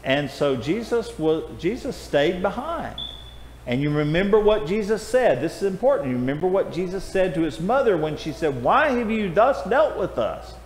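The voice sits high with big pitch swings and a moderate pace: an older man leading a kids' Bible class, friendly and persuasive as he names each child. It's recorded by a far camera in a church auditorium, echoey and slightly noisy.

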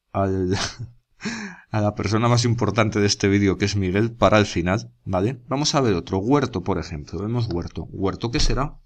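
Low-voiced teacher from Spain. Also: male voice. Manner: explains step by step, checks in with students, writes while talking. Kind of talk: classroom grammar lesson.

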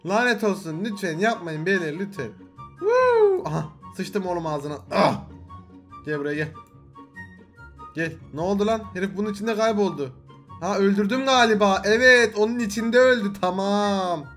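High, bright-voiced excitable young man gaming. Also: normal speed, faint music behind. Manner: loud, swings from shouting to muttering. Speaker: gaming YouTuber. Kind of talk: excitable let's-play commentary.

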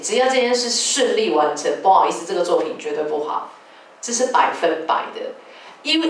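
A woman who directs a dance company gives a public talk, telling stories in a lively, animated way. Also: mid-range voice. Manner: lively storytelling, animated retellings of quarrels. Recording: echoey hall from far off, faint noise.

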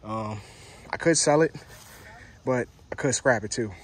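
This junk removal owner vlogs casually outdoors at a house, his mid-range voice a little slow and his speech loose, packed with slang and filler words. A faint hiss or hum sits under the audio.

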